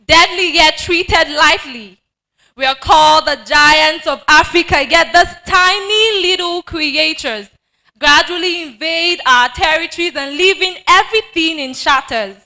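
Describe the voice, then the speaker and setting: A woman performing a spoken-word poem. Her voice is high and bright, and her delivery is slow and dramatic. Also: rough recording.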